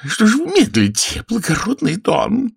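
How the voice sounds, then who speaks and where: A man's voice: fairly high pitch, huge pitch swings, measured pace, vocal fry, slightly rough, voice pushed up, full character voice. A man voicing a hot-tempered, lustful noblewoman in a shrieking, breathless voice.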